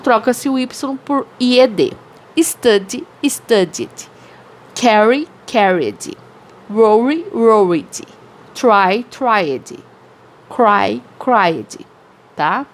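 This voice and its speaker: Patient woman teaching English grammar. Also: fairly high pitch. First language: Portuguese. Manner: explains slowly, repeats examples, often adds "tá?". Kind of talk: recorded grammar lesson for students.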